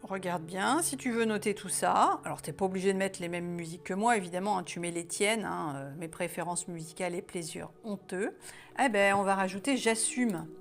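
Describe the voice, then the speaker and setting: A woman's voice: medium pitch, brisk, faint music behind. A woman leading a guided wellness exercise in a casual, chatty way, often hesitating and restarting her sentences.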